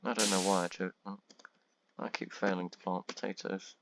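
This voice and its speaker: A man with a monotone voice giving rambling, self-deprecating commentary on his own gameplay, full of ums. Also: sits low, moderate pace. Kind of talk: casual let's-play commentary. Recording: loud background noise and keyboard clicks.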